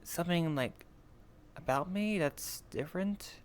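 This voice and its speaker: A man with a fairly high-pitched, unhurried voice improvises in character during an online virtual roleplay, talking hesitantly as he ponders. He speaks through a VR voice chat microphone, and the online voice chat is noisy.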